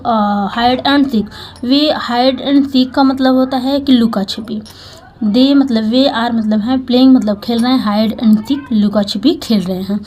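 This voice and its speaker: A woman teaching English through a story, explaining slowly and patiently word by word with many pauses and fillers. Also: fairly high pitch, darkish tone. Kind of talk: Hindi-language English lesson reading a story.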